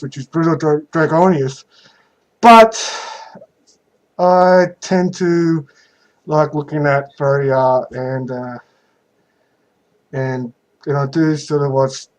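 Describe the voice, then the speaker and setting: Taking viewer questions like a vlogger, a young man talks casually and off the cuff in a slightly high, slightly mellow voice. He speaks slowly and hesitantly, often stopping in the middle of sentences.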